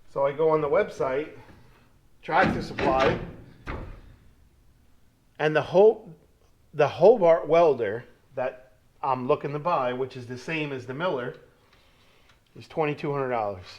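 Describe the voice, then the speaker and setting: A man talks slowly and easily as he works in his home garage, walking through each step of a build. His voice sits a little higher than most men's. He is picked up by the camera mic in the shop. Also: highs cut off. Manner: relaxed, explains work step by step while working. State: out of breath at times. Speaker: metal fabricator. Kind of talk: casual shop vlog talk.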